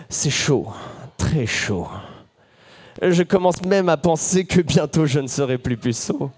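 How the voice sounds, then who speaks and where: A man's voice: a little high, a little mellow. A man performing a bawdy, self-mocking comic story in rhyme in front of a live audience.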